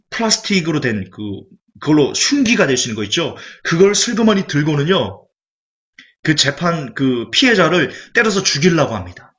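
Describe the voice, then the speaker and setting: A male evangelist preaches with a fairly high voice that leaps up and down. He keeps throwing rhetorical questions at the congregation. The recording sounds muffled and lo-fi. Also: a bit bright. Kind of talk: sermon. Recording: dull lo-fi recording.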